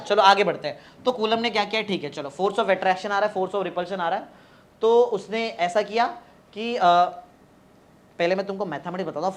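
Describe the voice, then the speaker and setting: A male teacher giving a classroom physics lecture with an Indian accent from the Marathi-speaking region, coaxing students to repeat definitions aloud in drawn-out chants. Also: high voice, slight background noise. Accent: Indian, Marathi-region Hindi.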